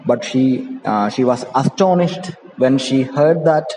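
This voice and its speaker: Slow and mellow, a man's mid-range voice carries lively intonation as he reads a play aloud. He speaks with an Indian English accent and teaches point by point, often repeating and rephrasing. Background noise and heavy room echo fill the recording.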